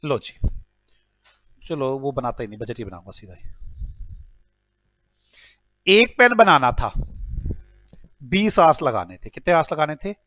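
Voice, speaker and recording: A man's voice: mid-range voice, a little slow, pauses often, dry recording. An Indian man with an Indian accent teaching an accounting class, telling stories with mock scolding. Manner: animated storytelling with mock scolding. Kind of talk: classroom lecture.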